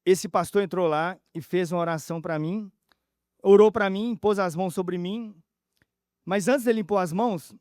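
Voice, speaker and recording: A man's voice: sits high, darkish tone, clean tone, no room sound, studio quality. A man giving an emotional personal testimony talk at a conference, telling his story through many reported dialogues. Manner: emotional, halting. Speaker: conference speaker.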